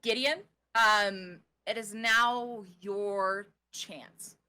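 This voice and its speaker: A woman running a tabletop game as game master, narrating and explaining rules in a playful, informal, halting way. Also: mid-range voice, fairly even intonation, pushed and bright, clean tone.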